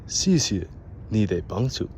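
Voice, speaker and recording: A man with a lowish, creaky voice speaks at an unhurried pace over some background noise. He is a native English speaker, casually practising phrases and logging his progress as a language learner. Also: very animated, a little mellow.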